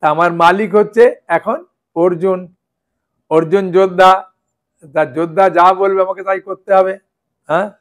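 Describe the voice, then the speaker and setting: A man's voice: sits high, steady tone, moderate pace, long pauses. A man teaching a scripture class, explaining with stories and checking in with his listeners often. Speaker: Gita teacher.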